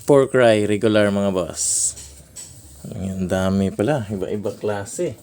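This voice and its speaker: A man from the Philippines casually unboxing fireworks for his vlog, naming each item slowly with frequent chuckles. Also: on the low side, a little mellow, a little hiss or hum. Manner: slow, drawn-out naming of items, frequent chuckles. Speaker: fireworks vlogger.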